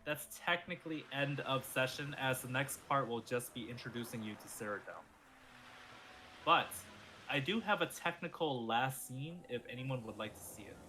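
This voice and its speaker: A game master narrating a tabletop game in a playful, lively way. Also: mid-range voice, normal speed, slight background noise.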